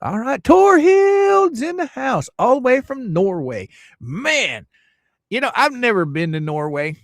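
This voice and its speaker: A man's voice: very high voice, very animated, unhurried, dry recording, studio quality. A man from the United States hosting a casual livestream, greeting viewers by name and rambling through opinionated asides. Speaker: livestream host.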